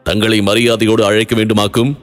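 A man's voice: fairly low pitch, flat delivery, a little fast, faint music behind, close to an everyday voice. A man voicing an angry male deputy chief of a fort who snaps and mocks. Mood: scornful. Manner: scornful, snapping.

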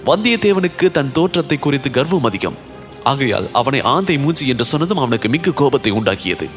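Expressive male storyteller with lively intonation. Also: a little high, fairly quick, faint music behind. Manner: expressive, animated. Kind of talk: dramatic novel reading.

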